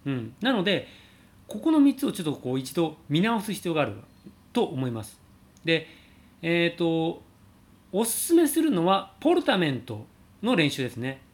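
A man teaching singing, calmly answering a viewer's question about high notes and showing sung slides. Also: normal speed. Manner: explains calmly, demonstrates sliding sung vowels.

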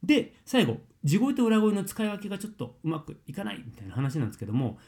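A man's voice: high voice, wildly swooping pitch, fast, darkish tone. A man explaining singing technique as a voice coach, in a chatty, loose way with frequent fillers and self-corrections. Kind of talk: casual spoken lesson.

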